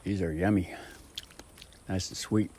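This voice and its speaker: In his home vlog, this man talks in a low, steady, mellow voice at a slightly slow pace. He rambles on casually, profane and unfiltered, over a clearly noisy ambient background.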